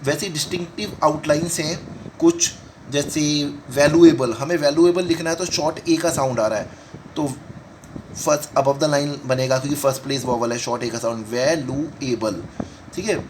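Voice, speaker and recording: A man's voice: fairly high pitch, a little mellow, slight background noise, rough recording. Man teaching shorthand, slightly raised voice. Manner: explains while writing, repeating each word slowly. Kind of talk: step-by-step lesson talk in Hindi-English mix.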